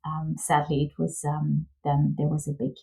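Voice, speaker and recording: A woman's voice: low voice, completely flat delivery, moderate pace, creaky, warm tone, poor audio. Chatty Belgian woman, guest on a podcast. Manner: chatty, laughs often, searches for words. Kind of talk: casual interview.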